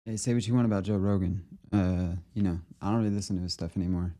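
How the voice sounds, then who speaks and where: A man with a low, very dark and mellow voice talks through clips in a loose, rambling way. He fills his thoughts with "uh" and "you know" and keeps a laid-back, casual tone. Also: fast talker. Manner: rambling and relaxed, with fillers and laughs. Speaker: host of a conspiracy video series. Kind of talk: casual commentary reacting to clips.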